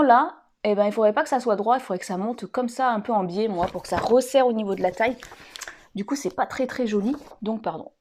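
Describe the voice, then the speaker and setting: Brief: woman in her forties, casual sewing vlogger, chatty and rambling, voice sits a bit high. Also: darkish tone. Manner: chatty, rambling, many fillers and restarts.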